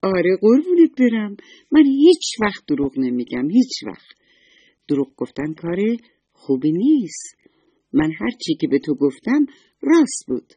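A woman's voice: lowish voice, huge pitch swings, dark tone, breathy edge, no room sound, exaggerated voice. A woman voicing a cheerful, motherly sun who talks in a coaxing, affectionate way in a children's story. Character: kind motherly sun lady, cheerful and soothing.

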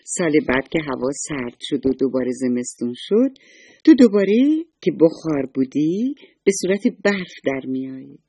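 A woman's voice: low voice, big pitch swings, mellow, husky, no room sound, heavily acted. A woman voicing a cheerful, motherly sun who talks in a coaxing, affectionate way in a children's story. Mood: soothing. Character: kind motherly sun lady, cheerful and soothing.

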